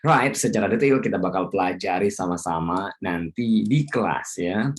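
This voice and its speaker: A man's voice: sits low, normal speed. A man teaching an IELTS class, chatting casually, dropping English terms into his explanations and laughing often. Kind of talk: casual online lesson.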